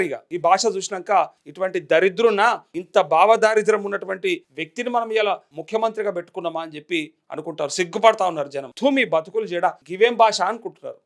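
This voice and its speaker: A man speaks in a Telangana accent, firing off angry rhetorical questions and mocking jabs in rapid succession. His voice sits high for a man and the words tumble out quickly. It sounds like heated political commentary. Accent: Telangana Telugu.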